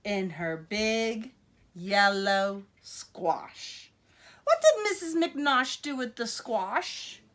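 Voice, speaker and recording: A woman with a fairly high voice reads a picture book to children extremely slowly, expressive and teacherly, adding asides for the young listeners.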